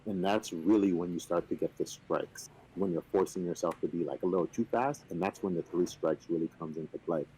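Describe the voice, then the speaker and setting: A man on a video call casually explaining a game, relaxed and playfully boastful, with lots of fillers. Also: low voice, brisk, few pauses, slightly rough, poor audio. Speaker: company representative teaching the game. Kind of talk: casual chat on a stream.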